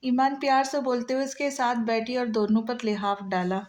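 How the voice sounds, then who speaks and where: A woman reading an Urdu romance novel aloud in a steady storybook manner, voicing every character herself. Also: a little high, moderate pace. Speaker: novel narrator. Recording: dull lo-fi recording.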